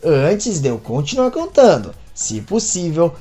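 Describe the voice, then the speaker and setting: A woman narrating a soap opera recap in an expressive storytelling manner. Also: fairly low pitch, a little slow, soft background music. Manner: expressive storytelling, asks viewers to subscribe.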